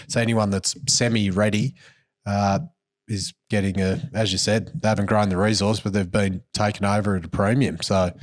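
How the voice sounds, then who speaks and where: A man with an Australian accent hosting a podcast, chatting casually through news in a blokey, slangy way. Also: lowish voice. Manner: laid-back, blokey, slangy. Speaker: podcast host. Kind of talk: casual chat and news recap.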